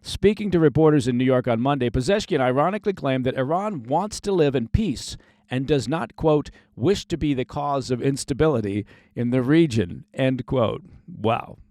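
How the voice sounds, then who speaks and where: A man's voice: mid-range voice, lively intonation, moderate pace, a little mellow, no echo. Dry, sarcastic male news host. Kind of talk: scripted news commentary.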